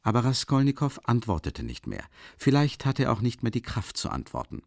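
A man narrating an audiobook in a measured, expressive reading. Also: mid-range voice, gravelly, dry recording, clean studio sound. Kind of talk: scripted literary narration.

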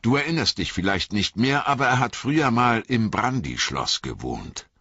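A man's voice: fairly low pitch, big pitch swings, moderate pace, pushed and bright, husky, no echo, lo-fi sound, pitched above the performer's own voice, full character voice. A man voicing a cheerful young male hobbit in an audiobook, sounding eager and friendly.

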